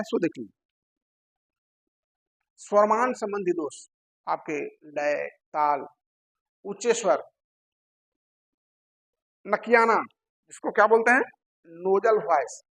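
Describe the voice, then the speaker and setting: A man teaching a lecture, posing questions to his listeners and answering them himself, repeating key terms slowly. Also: high voice, fairly bright tone, rough recording. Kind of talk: classroom lecture.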